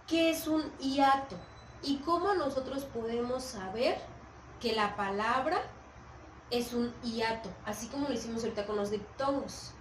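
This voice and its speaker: Patient Mexican woman teacher, high voice, echoey room. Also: distant mic, a little hiss or hum. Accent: Mexican Spanish. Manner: patient, repeats points and checks understanding often. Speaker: primary school teacher. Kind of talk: recorded video lesson for children.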